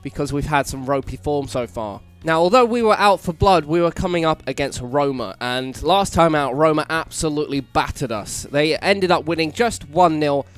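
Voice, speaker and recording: A hungover British man giving casual, self-deprecating commentary on a video game playthrough, sounding slightly croaky. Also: a little high, moderate pace, hardly any pauses. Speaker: gaming YouTuber, host. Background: background music.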